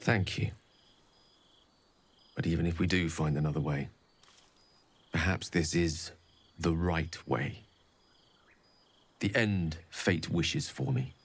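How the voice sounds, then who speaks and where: With a husky bass voice, slow pace and frequent pauses, a man gives a heavily acted performance as a learned, eloquent male wizard in a video game. He speaks in tender, formal, articulate phrasing while soft music plays beneath the game audio.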